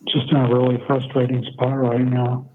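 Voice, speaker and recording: A man's voice: mid-range voice, completely flat delivery, moderate pace, background noise. A man speaking from prison over the phone, subdued and weary, heard through a tinny prison phone line. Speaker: inmate calling.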